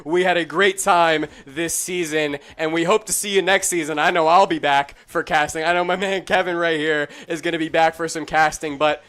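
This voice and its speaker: A young man calling a college esports final in a high, bright voice. He talks excitably, and his pitch climbs whenever the play heats up. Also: moderate pace, hardly any pauses, clean tone. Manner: excitable, rising pitch in big plays. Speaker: esports caster. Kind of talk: play-by-play commentary.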